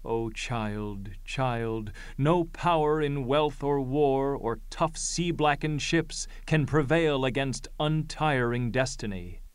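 A grave elder of the Greek chorus, acted by a man declaims tragic verse slowly and solemnly. The voice is measured, in a close, dry recording. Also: medium pitch, smooth, dry recording, natural voice. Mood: solemn lament. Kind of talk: classical Greek tragedy verse recital.

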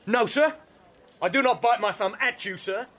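A man's voice: extremely high pitch, normal speed, a bit bright. An actor playing a swaggering, bawdy young male servant spoiling for a fight, in Shakespearean stage acting. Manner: boastful, bawdy.

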